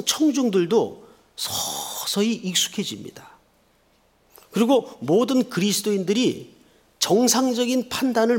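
A male pastor preaching a sermon, telling stories in an earnest, animated way. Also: high voice.

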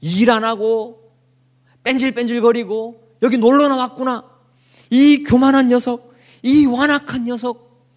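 A man's voice: very high voice, fairly even intonation, unhurried, pauses often, pitched above the performer's own voice. A man voicing an angry older brother who scolds his youngest sibling. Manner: shouting rebukes.

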